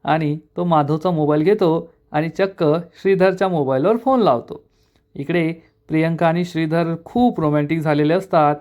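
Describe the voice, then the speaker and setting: A man narrating a television episode recap in a steady, flowing way. His voice sits a little higher than most men's. The delivery stays even and storytelling-like throughout. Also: moderate pace.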